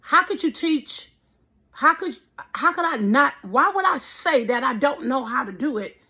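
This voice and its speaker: A woman's voice: sits high, lively intonation, measured pace, pushed and bright. A woman in her fifties giving an impassioned personal faith testimony, repeating her phrases in a preacherly way. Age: 50s. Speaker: vlogger.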